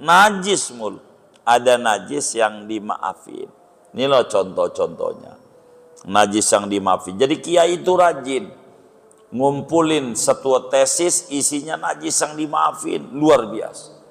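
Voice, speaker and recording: A man with a Betawi Indonesian accent gives a mosque study lesson, taking his time and peppering it with rhetorical questions. His delivery is slow and unhurried, with a medium pitch. The voice carries a long, ringing reverb from the mosque hall. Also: expressive, creaky. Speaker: kiai teaching fiqh.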